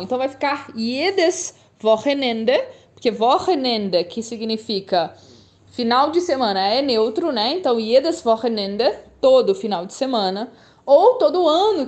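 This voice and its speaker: A woman's voice: sits high, a little mellow. A young woman teaching German, speaking patiently and repeating phrases for learners. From Brazil. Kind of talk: language lesson.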